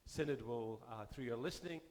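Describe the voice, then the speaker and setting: Addressing a church assembly formally, a bishop with a Canadian accent keeps a measured pace as his sentences trail off and his voice fades. It's medium-pitched and a little mellow.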